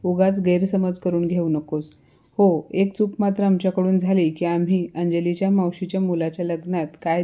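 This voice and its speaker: A woman voicing a grown son who calmly stands up for his wife in a storybook reading. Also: on the low side, lo-fi sound, lightly acted.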